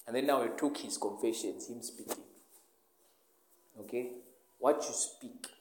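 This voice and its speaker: A man's voice: medium pitch, a little mellow. A man preaching a sermon, asking the listeners questions and answering them himself. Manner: emphatic call-and-response questioning. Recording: echoey room.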